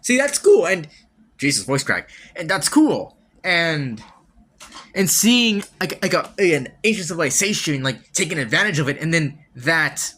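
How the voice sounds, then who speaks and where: Animated man ranting about a game. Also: fairly high pitch, unhurried, slightly rough. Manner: rambling, frequent restarts, casual swearing; laughs wryly between points. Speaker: podcast host. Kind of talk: casual solo game review talk.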